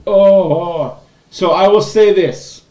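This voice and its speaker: In an echoey room, a livestream host with a high, dark-toned voice speaks very slowly. He gives blunt, opinionated fan commentary over a hockey game.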